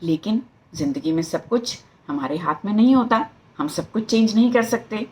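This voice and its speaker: Indian woman giving a lively motivational talk. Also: medium pitch, normal speed, rough recording. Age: middle-aged. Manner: lively, mixing Hindi with English phrases. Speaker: life coach and psychologist.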